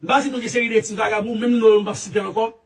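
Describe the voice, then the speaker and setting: Animated high-voiced Haitian Creole man. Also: fast, recorded from a distance. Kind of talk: casual commentary.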